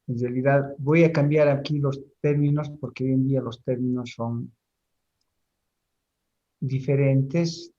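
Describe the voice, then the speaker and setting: A middle-aged man lectures a university class at an unhurried pace, his voice warm and relaxed. He pauses often and repeats words as he works through each point. The recording sounds muffled and lo-fi. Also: mid-range voice. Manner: slow, deliberate, pausing and repeating words.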